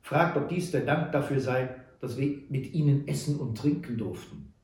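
A man voicing a calm, dry male frontiersman with a matter-of-fact, gravelly voice. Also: mid-range voice, normal speed, natural voice. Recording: roomy echo.

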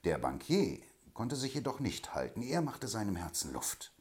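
A man narrating a story in a deep voice. His reading rises and falls in a lively way, steady and expressive. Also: moderate pace. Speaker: audiobook reader. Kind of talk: scripted narration.

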